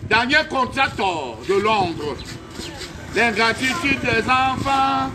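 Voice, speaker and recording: A man with a very high-pitched voice hosts a charity appeal as a singer. He shifts between call-and-response singing and casual, directive banter, delivered in animated, drawn-out phrases.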